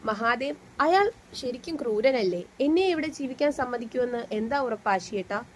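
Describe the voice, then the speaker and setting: A woman voicing a determined young heroine with a hidden purpose, speaking softly but resolutely in a storybook reading. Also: on the high side, animated, normal speed, slight background noise, natural voice.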